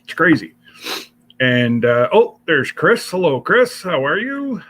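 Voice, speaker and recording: A congested middle-aged man hosting a livestream from home, chatting casually in a slow, rambling way with many fillers. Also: on the high side, very animated, fairly bright tone. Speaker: livestream host.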